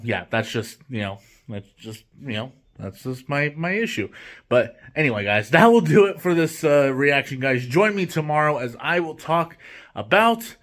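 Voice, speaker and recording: A man's voice: medium pitch, a bit bright. A man hosting a casual movie review vlog, rambling with lots of restarts and fillers. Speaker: host.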